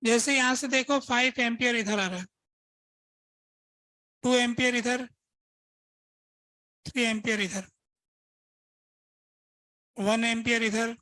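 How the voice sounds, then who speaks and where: A man's voice: extremely high pitch, steady tone, takes it slowly, long pauses, bright, forceful tone, no room sound, poor audio. A man teaching a physics lesson, working through examples step by step and asking his students rhetorical questions. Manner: casual, conversational teaching. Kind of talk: lesson at a board.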